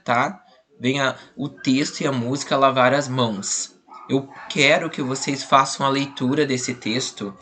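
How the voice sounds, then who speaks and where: Young brazilian guy teaching kids online, goes slow over the letters, mid pitch. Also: fairly bright tone. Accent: Brazilian Portuguese. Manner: patient, spells out letters and syllables slowly. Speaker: primary school teacher. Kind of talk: online class walkthrough.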